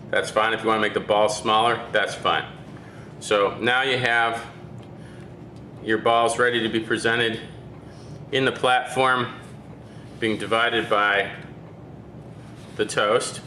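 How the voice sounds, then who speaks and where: A man's voice: fairly low pitch, sharp tone, roomy sound, slight background noise. A man working as a chef, giving a step-by-step cooking demonstration and checking in with "okay?".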